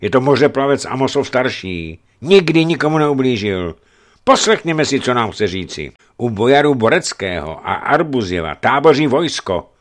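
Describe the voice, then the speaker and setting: A man's voice: mid-range voice, sing-song, voice pushed up, lightly acted. A man voicing a breathless old male seafarer who brings an urgent warning. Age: older. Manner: urgent, pleading.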